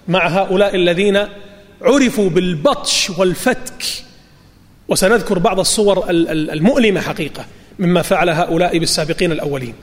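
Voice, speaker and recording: High-voiced preacher in a reverberant space. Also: male voice. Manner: dramatic retelling, rising to near shouts on quoted cries. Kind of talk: sermon storytelling. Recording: long reverb.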